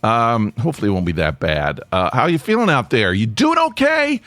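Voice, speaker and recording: Animated male podcaster with numbed throat. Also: mid-range voice, brisk, no echo. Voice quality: numbed tongue and throat from numbing spray. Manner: rambling, self-deprecating, wryly grumbling. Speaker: podcast host. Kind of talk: casual solo podcast monologue.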